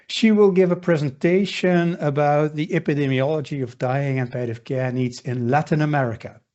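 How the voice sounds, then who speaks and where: A man's voice: on the high side, moderate pace, darkish tone, highs cut off. A man moderating an academic webinar over a video call, introducing speakers formally with small wry asides.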